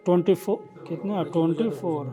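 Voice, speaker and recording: High-voiced maulana in an echoing hall. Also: male voice, muffled recording, music in the background. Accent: Indian Urdu. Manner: explains rules, quizzes listeners, breaks into slow melodic chanting. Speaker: maulana teaching Quran recitation. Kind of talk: religious lesson with chanted Quran recitation. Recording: long reverb in a hall.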